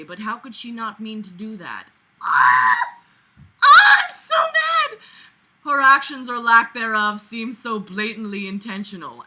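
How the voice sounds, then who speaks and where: A young woman with a rather high, sharp-toned voice reads a book aloud, repeatedly cutting in with mocking, incredulous commentary full of swearing. Her manner is theatrical, exasperated and sarcastic, as host of a comedic book read-along.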